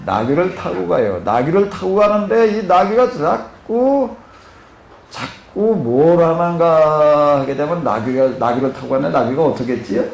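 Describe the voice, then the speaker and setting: A male pastor with a Korean Jeolla accent lectures at a Bible seminar in an echoey room with faint noise. His voice is a little high, with lively intonation, vocal fry, and an unhurried pace, and he rambles with many fillers while questioning his listeners.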